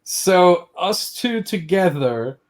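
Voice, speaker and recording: A man's voice: high-pitched, animated, slow. A young man in his twenties co-hosting a casual livestream chat, hesitant and stammering, laughing often. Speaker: co-host.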